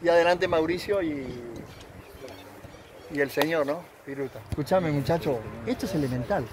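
An older man with a high voice and a Rioplatense accent gives a halftime speech outdoors. He coaches in a halting, rambling way, repeating himself, with lots of people chattering around him. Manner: rambling, halting instructions with repetitions. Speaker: amateur football coach. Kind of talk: halftime team talk. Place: outdoors beside a football pitch. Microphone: phone a few steps away. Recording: outdoor phone recording with loud group chatter.

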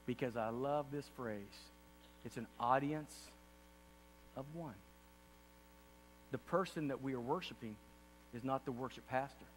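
A man's voice: mid-range voice, a little slow, pauses often. A middle-aged man, a pastor, giving an earnest state-of-the-church address from a podium on a large auditorium stage, rising to impassioned emphasis. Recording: distant reverberant hall with faint hum.

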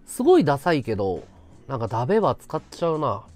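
A man from Chiba, Japan chats fast and casually with his live-stream viewers, his pitch swinging widely and constantly over faint background music. Animated and rambling, he hops from story to story, laughing at his own tales.

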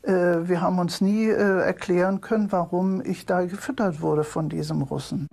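Older woman, lowish voice, recollecting. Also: fairly even intonation, normal speed, creaky. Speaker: eyewitness interviewee. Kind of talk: recollection in a documentary interview. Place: dark interview studio.

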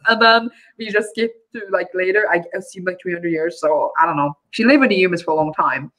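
A woman's voice: on the low side, a little fast, fairly bright tone, low-quality recording. A woman co-hosting a book club, chatting casually and hesitantly, with frequent restarts and filler words.

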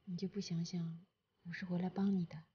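An actress playing a calm, reassuring woman with a husky voice. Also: fairly low pitch, fairly quick, lo-fi sound.

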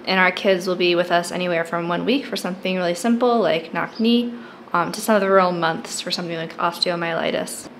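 An American woman in her twenties, a charity coordinator, explaining her work in a relaxed way with frequent ums. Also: lowish voice, brisk, few pauses, a little hiss or hum, rough recording. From United States. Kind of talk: casual explanatory talk.

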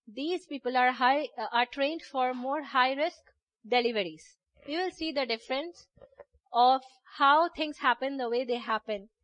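Fairly high-voiced woman teaching a workshop. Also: a bit bright, no room sound. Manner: explanatory, checks understanding with frequent "okay?". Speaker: doula and childbirth educator. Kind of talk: workshop lecture. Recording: dull lo-fi recording.

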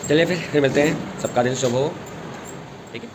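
A man's voice: mid-range voice, fairly quick, noisy background. A man signing off casually in a family vlog, easygoing and joking. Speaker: vlogger, father.

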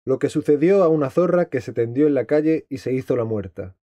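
A man narrating an old fable in an even, formal audiobook reading. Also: medium pitch, fairly quick, no echo. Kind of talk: scripted narration. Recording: dry, slightly dull lo-fi.

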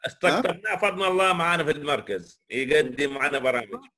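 A man's voice: on the high side, animated, fast talker, pushed and bright. A man from the community center joining an open conversation with short affirming remarks. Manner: affirming, brief interjections. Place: neighborhood community hall.

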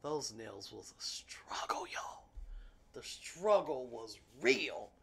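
With an extremely low pitch, vocal fry and a slightly bright tone, this woman takes it slowly yet sounds lively as she unboxes nail gel at her indoor home desk. Sick, congested and sniffly, the nail artist vlogger chats to "y'all" viewers, amused at herself, over slight background noise.

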